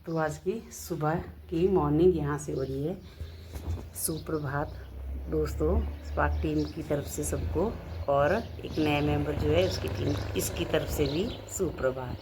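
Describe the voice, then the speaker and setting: Woman filming outside on her phone, lowish voice, chatty, baby-talking her dogs, faint hiss behind. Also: fairly even intonation, measured pace. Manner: chatty, coos at the dogs in a raised sing-song voice. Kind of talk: casual narration while filming. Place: outdoors around her home and garden.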